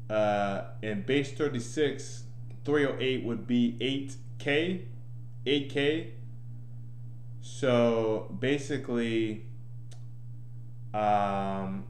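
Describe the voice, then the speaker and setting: A middle-aged man explaining his code in an informal tutorial, thinking aloud, haltingly repeating and restarting his phrases over and over. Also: mid-range voice. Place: small indoor room at home. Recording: echoey room, clear background noise.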